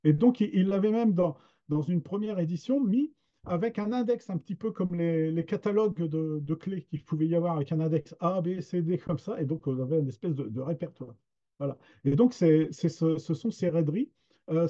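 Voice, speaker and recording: A man's voice: fairly high pitch, normal speed, mellow. Hesitant man lecturing over dull audio. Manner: hesitant, many fillers and restarts. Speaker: webinar presenter on regional literature. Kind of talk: unscripted lecture. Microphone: video call.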